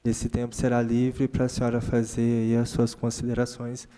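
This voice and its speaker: A man chairing a council committee meeting in a formal, measured way at a desk mic. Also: mid-range voice, monotone, mellow. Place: council chamber.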